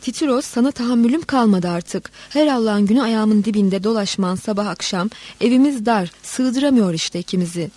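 A woman's voice: mid-range voice, moderate pace, few pauses, darkish tone, no room sound, natural voice. A woman voicing a brawny, lazy young man who taunts and threatens with a sneering drawl. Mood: menacing.

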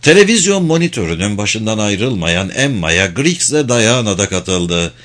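A man reading a suspenseful novel aloud in a measured, steady narration. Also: lowish voice. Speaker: audiobook narrator. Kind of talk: scripted narration.

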